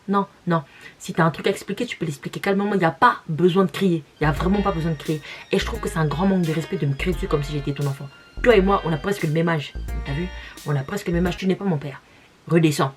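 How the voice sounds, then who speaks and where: A young woman from Congo, whose first language is Lari, reacting bluntly to comments in a slangy, mocking casual vlog. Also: lowish voice.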